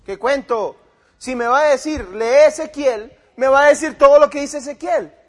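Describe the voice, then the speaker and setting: Very high-pitched and a little fast, this man delivers sermon-style storytelling. He recounts a debate with another pastor through quoted lines from both of them, going from loud to quiet.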